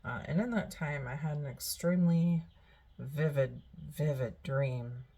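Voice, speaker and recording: A woman's voice: sits low, normal speed, dark tone, husky. A middle-aged woman telling a story to camera as a prepper vlogger, earnest and rambling, often restarting her sentences.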